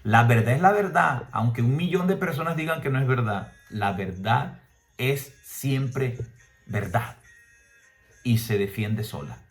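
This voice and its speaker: A male priest giving a homily, preaching with emphatic rhetorical questions and now and then mimicking people in a higher voice. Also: measured pace, faint music behind.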